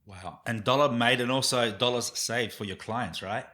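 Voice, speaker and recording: A man's voice: mid-range voice, moderate pace, pushed and bright. A man hosting a podcast, asking short questions and giving encouraging backchannels. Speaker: podcast host. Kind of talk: casual interview chat.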